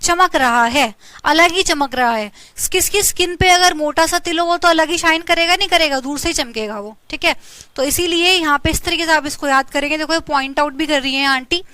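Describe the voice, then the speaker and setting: Bright, high-voiced Indian woman teaching vocabulary. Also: dry recording. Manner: repeats words, asks students to say them along. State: slightly sore throat. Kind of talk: online exam-prep lesson.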